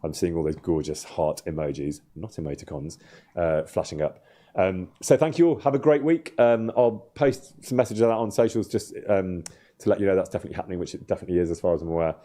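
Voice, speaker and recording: With a deep, mellow voice and a fast delivery, a male streamer chats casually and somewhat hesitantly while playing a game on his livestream.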